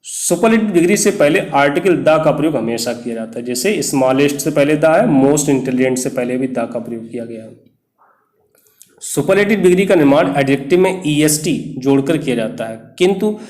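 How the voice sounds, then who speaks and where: A man teaching English grammar, explaining rules step by step and reading example sentences slowly. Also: on the high side, animated, darkish tone, roomy sound. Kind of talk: classroom grammar lesson.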